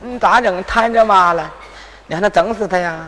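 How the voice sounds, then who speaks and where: A man's voice: high voice, very animated, a little fast, sharp tone, a little hiss or hum, heavily acted. A man playing a young adult son who coaxes and teases his angry mother in a sing-song Northeastern Chinese folk duet. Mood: musing, teasing. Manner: teasing, soothing, sing-song folk opera delivery. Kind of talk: errenzhuan folk duet, sung and spoken. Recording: stage recording with folk music behind.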